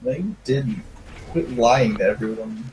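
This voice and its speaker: A man's voice: mid-range voice, measured pace, darkish tone, a little hiss or hum, low-quality recording. A man casually chatting with a friend while playing a video game, goofy and teasing, repeating silly catchphrases. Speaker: gamer streaming with a friend. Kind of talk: casual gaming chat.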